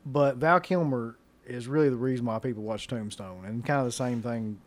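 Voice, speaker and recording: A man's voice: medium pitch, normal speed. A man co-hosting a podcast, in laid-back, profane casual chat about horror films. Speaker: podcast co-host.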